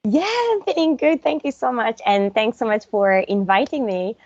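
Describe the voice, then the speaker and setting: A woman's voice: fairly high pitch, lively intonation, moderate pace, a little mellow, no room sound. A chatty young woman from France, raised in Brussels, talks as a guest from her home. Her speech is loose, with lots of fillers, and her laughs come easily. The audio is dull and lo-fi, dry, with no room sound. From born in France, raised in Brussels. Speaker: guest, actress and director. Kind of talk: casual interview conversation.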